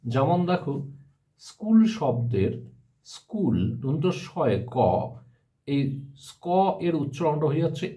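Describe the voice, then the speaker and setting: A male teacher giving a step-by-step grammar lesson, often pausing to ask his students rhetorical questions. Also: fairly high pitch, dark tone.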